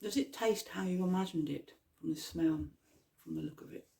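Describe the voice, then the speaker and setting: A guide leading a mindful eating exercise at home, asking gentle, slow questions and sometimes talking while chewing. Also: mid-range voice, lively intonation, gravelly. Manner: talks while chewing at times. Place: at home with a cat nearby.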